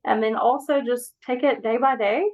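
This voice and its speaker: A woman's voice: a little high, fairly even intonation, moderate pace, phone-quality sound. A woman from Alabama, a podcast guest speaking earnestly and encouragingly about her own experience. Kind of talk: reflective personal talk.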